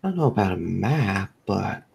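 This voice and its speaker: A man's voice: sits low, very animated, moderate pace, creaky, darkish tone, husky. A man narrating as game master of a tabletop game, speaking in a laid-back, rambling way full of fillers.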